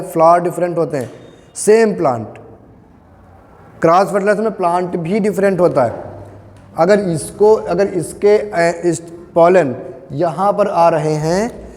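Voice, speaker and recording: A man's voice: sits high, a little slow, a little mellow. Male teacher, classroom lecture, patient questioning, echoey hall. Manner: patient, asks students questions, calls them "beta". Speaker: biology teacher. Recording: long echo in a hall.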